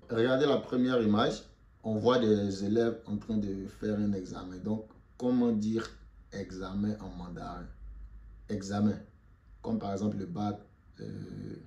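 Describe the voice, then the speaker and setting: Patient male language teacher, low voice, talks slowly over lesson drills. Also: dark tone, echoey room. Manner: slow, patient, repeats words for learners. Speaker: Mandarin teacher.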